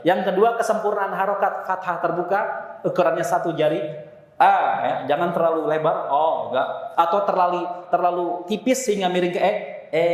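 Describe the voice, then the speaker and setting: A man teaching a Quran recitation class to a congregation, relaxed and joking as he encourages beginners. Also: high-pitched. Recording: echoey hall with long reverb.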